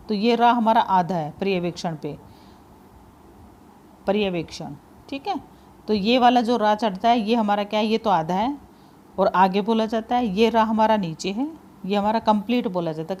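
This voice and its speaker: A woman teaching spelling at a middle pitch. She is patient and careful, spelling words out piece by piece and repeating what matters, in plain classroom talk mixed words. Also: a little mellow. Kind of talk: spelling lesson for exam prep.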